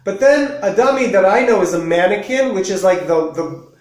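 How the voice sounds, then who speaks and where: A man's voice: high-pitched, lively intonation, moderate pace, a little mellow, reverberant, rough recording. A man hosting a casual chat as an English teacher, curious and asking follow-up questions. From United States. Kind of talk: casual conversation.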